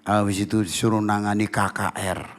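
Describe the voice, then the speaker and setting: A middle-aged man, a pastor preaching a sermon and telling stories in a lively way, sometimes singing lines of worship songs. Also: lowish voice, moderate pace. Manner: animated storytelling, voices God's words, breaks into song. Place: church hall.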